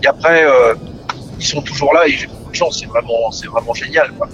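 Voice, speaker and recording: A man's voice: mid-range voice, brisk, a bit bright, muffled recording. Hesitant man talking over music. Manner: hesitant, repeats words and restarts often. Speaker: musician guest. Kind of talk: relaxed interview talk. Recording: music playing behind the voice.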